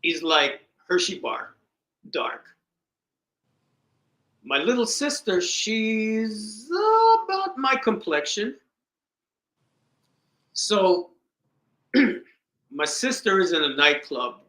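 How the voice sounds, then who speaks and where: A man's voice: sits high, slow, pauses often. A man chatting on a podcast and telling a family story, acting out the people in it. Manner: animated storyteller, acts out voices in quotes. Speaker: podcast co-host. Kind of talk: casual conversation and storytelling. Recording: echoey room.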